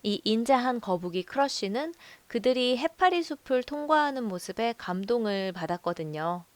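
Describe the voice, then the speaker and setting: Calm woman narrating a film review. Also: on the high side, no room sound. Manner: calm, measured storytelling. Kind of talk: scripted voice-over narration.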